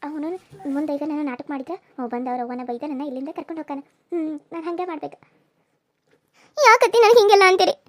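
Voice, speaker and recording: A woman voicing a defiant young village wife arguing with her husband and mother-in-law in a cartoon serial. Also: very high-pitched. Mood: scheming aside. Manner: argumentative, pleading, quick protesting.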